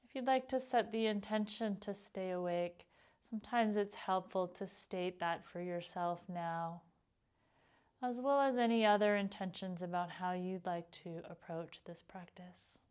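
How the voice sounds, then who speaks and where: A yoga nidra teacher guides a meditation, her voice lowish and clean in tone. She speaks calmly and gently, taking her time and leaving pauses.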